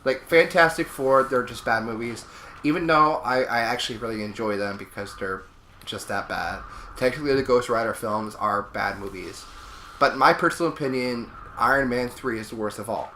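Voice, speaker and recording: Male let's play co-host, forceful bright delivery, emphatic casual opinions, echoey room with faint noise. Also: mid-range voice, moderate pace. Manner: opinionated, emphatic, repeats and rephrases himself. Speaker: let's play co-host commenting over the game. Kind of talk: casual opinionated chat over gameplay. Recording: roomy echo, faint background noise.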